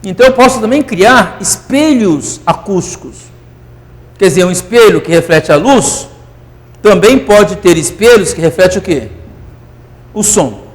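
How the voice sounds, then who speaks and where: A man teaching physics in a classroom lecture, euphoric and animated, constantly checking that students follow. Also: high-pitched, long reverb tail.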